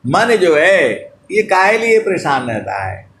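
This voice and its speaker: Male preacher giving a devotional sermon, slow chant-like delivery, sung verses between teaching, pitched a bit high. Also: big pitch swings, a bit bright, roomy sound. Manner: addresses listeners fondly as dear devotees. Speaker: spiritual preacher.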